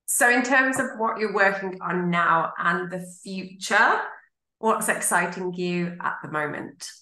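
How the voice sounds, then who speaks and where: A woman's voice: on the low side, a little slow, bright, forceful tone. A woman hosting a podcast, talking in a reflective, encouraging way in a casual interview. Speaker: podcast host. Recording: roomy echo.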